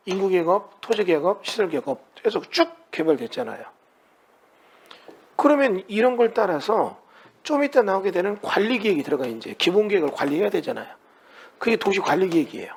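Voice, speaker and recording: A man's voice: high voice, expressive, fairly quick, gravelly, breathy edge. A man teaching a real estate class in a conversational way, often putting rhetorical questions to his students. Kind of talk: classroom lecture.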